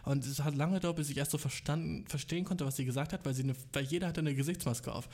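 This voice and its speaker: A man's voice: on the high side, fast talker, a little mellow. A young man telling a rambling, casual story alone indoors, full of fillers and English slang.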